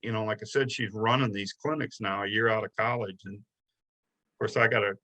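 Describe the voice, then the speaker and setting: A man's voice: fairly low pitch, fairly even intonation, moderate pace, pushed and bright, poor audio. A middle-aged man, a deputy sheriff, telling stories in a casual interview, rambling and restarting often. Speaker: guest, deputy sheriff and investigator.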